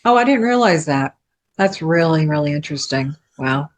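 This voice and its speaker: A woman's voice: sits low, expressive, normal speed. A woman in her sixties co-hosting a podcast in casual chat, reading out listener questions and laughing easily. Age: 60s. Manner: reads listener questions, chatty, easy laughs. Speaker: podcast co-host.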